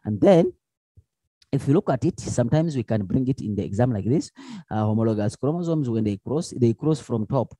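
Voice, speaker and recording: A man's voice: medium pitch, a little fast, breathy edge, dry recording. A man teaching a lesson, asking questions and answering them himself, with many restarts. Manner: lively, with many restarts and fillers. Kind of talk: explanatory lesson.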